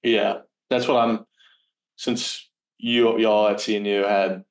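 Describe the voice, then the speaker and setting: A man's voice: lowish voice, level tone, slow. A man in his early twenties from Virginia, answering casually as a podcast guest and intern. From Virginia, United States. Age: early 20s. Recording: distant from the microphone.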